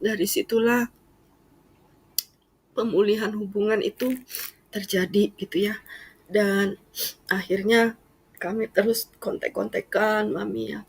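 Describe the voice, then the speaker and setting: A middle-aged woman giving a personal church testimony in a lively, casual storytelling manner. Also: medium pitch, measured pace, vocal fry, pauses often, breathy edge.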